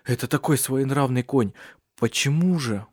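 Brief: male reader as a flustered, respectful manservant, slightly raised pitch, dry sound. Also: moderate pace, darkish tone, dry recording, close to an everyday voice. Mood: anxious. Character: anxious male household servant.

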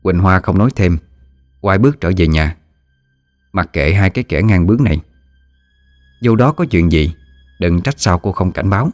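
Deep-voiced storyteller. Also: male voice, moderate pace, pauses often, no echo. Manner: steady storytelling. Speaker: narrator. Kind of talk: ghost story narration. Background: soft music.

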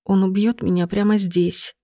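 A woman's voice: medium pitch, level tone, moderate pace, dark tone, no echo, clean studio sound, natural voice. Woman voicing a terrified, pleading young woman. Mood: panicked. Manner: pleading, panicked.

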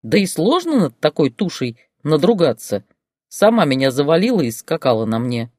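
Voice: mid-range voice, very animated, normal speed, darkish tone, no room sound, studio quality, voice pushed up. A reader as a sulky, sardonic young man. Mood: grumbling.

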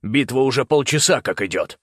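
A man voicing a cruel middle-aged soldier lieutenant who makes cold, sneering threats in a hoarse, rasping voice. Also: fairly low pitch, animated, a little slow, no room sound, studio quality, exaggerated voice. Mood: gruff. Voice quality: hoarse rasp.

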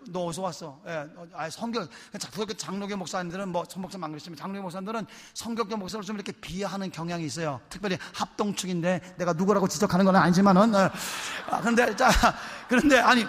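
A man, a pastor, telling stories in a lively, chatty sermon in a church. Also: high voice. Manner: animated, chatty, laughs while telling. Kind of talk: sermon storytelling. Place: church sanctuary. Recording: long church hall reverb.

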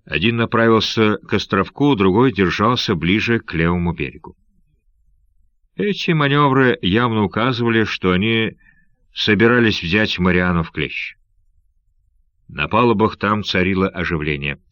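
A man reading an adventure novel aloud as an audiobook narrator, in a steady, measured way, recorded dry and a little dull. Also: fairly low pitch, no echo.

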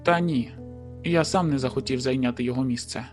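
A man voicing a young male werewolf in an audiobook, speaking in a low-key, reluctant, matter-of-fact way. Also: brisk, music in the background, close to an everyday voice. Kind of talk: audiobook character voice.

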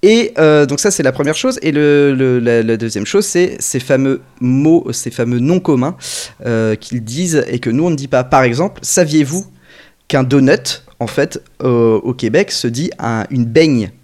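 French male podcast co-host, conversational and digressive, average pitch. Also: animated, a little slow, a little mellow. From France. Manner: rambling, self-correcting, conversational. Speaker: podcast co-host reviewing a fan dub. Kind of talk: casual group podcast chat.

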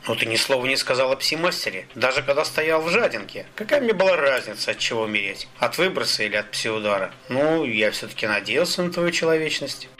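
Мужчина, читающий аудиокнигу, озвучивает усталого, язвительного сталкера с раздражёнными вопросами. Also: male voice, medium pitch, animated, brisk, few pauses, bright, forceful tone. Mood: reproachful. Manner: irritable, sarcastic questions. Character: weary male stalker, sharp-tongued and edgy. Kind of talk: audiobook character voice.

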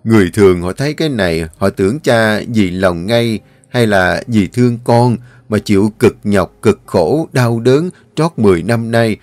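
A man reading the lines of an old, gentle, world-weary father who wants to retire into religious life, in a slow, earnest way. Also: lowish voice, expressive, dry recording, natural voice. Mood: tender, sorrowful.

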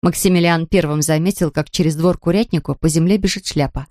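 Woman, storybook narration, expressive, dry close sound. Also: low-pitched, fast, no echo. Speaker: audiobook narrator.

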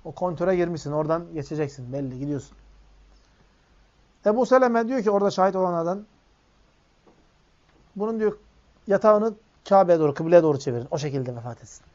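A man gives a sermon in a somewhat high voice. He recites Arabic quotes, explains them line by line, and calls his listeners friends. The recording sounds dull and lo-fi. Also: a little fast, pauses often, a little mellow. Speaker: Islamic preacher.

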